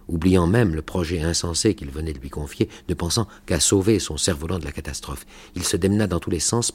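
A man reading a novel aloud for radio in a measured, grave way. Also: extremely low pitch, slightly rough. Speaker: reader.

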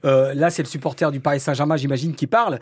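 A man's voice: on the high side, fairly even intonation, quick pace, breathy edge. A man hosting a radio sports chat, teasing and full of hesitations. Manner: hesitant, many fillers, teasing. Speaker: radio host.

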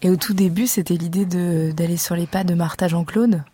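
A woman hosting a radio interview, asking long questions with pauses. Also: fairly low pitch, steady tone, mellow, husky. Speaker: radio host.

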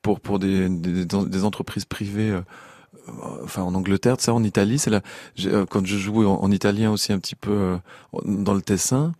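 Brief: Swiss French man, middle-aged, rapid and rambling, mid-pitched, dry studio sound. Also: fairly even intonation, warm tone, no echo. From Switzerland. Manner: rambling, with many restarts. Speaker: comedian guest. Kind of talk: casual interview chat. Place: radio studio.

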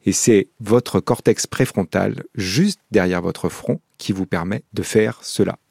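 A man, a psychology professor, giving a calm, measured scripted educational narration. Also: low voice, creaky, breathy edge, no room sound, studio quality.

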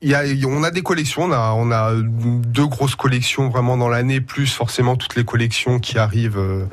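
A man from Portugal, a shop manager, chatting as a guest on a radio show, halting often with fillers and restarts. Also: mid-range voice, dry recording. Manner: hesitant, many fillers and restarts. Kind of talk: casual radio interview.

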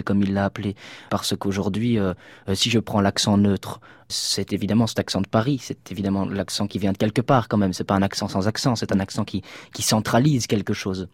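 A man from Liège speaks as a guest on a radio show, rattling along at high speed. His voice sits fairly low, and he often restarts his sentences in his eagerness. The sound is close and dry, with no room around it. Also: darkish tone, slightly rough, no echo. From Belgium, Liège. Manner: rapid, impassioned, with quick restarts. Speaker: theatre actor, guest. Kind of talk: radio interview talk.

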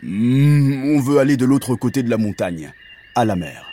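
A man voicing a gentle cow who leads her friends in a children's audio story, calm and humming before she speaks. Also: medium pitch, unhurried, slight background noise, pitched above the performer's own voice, lightly acted.

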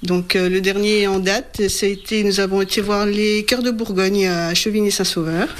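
A woman's voice: medium pitch, fairly even intonation, moderate pace. A woman in her thirties from Burgundy, a radio listener answering shyly and briefly in a casual interview at home. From Burgundy, France. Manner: shy, hesitant, short answers. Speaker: radio listener being visited.

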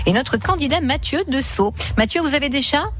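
A woman's voice: sits high, expressive, brisk. A woman hosting radio in a casual, chatty presenting style. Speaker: radio host. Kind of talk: lively casual radio chat and game presenting.

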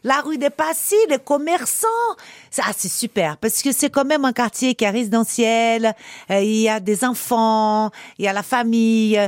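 A woman's voice: on the high side, moderate pace, no echo, studio quality. A woman with a foreign accent in French, chatting casually and emphatically as a guest in a radio interview. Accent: foreign accent in French, not Parisian. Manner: effusive, emphatic. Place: radio studio, close and dry.

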